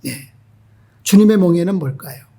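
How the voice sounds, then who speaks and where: A male pastor delivers a Sunday sermon with a high-pitched, slightly husky voice. He preaches emphatically and keeps turning to the congregation with rhetorical questions. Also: lively intonation, normal speed, dark tone.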